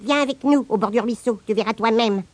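A man doing a high little ant chief. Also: brisk, no echo, natural voice. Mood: inviting.

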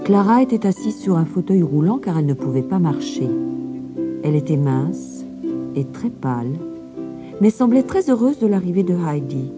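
A woman narrating a children's storybook with an expressive, storytelling cadence. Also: on the low side, normal speed. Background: music.

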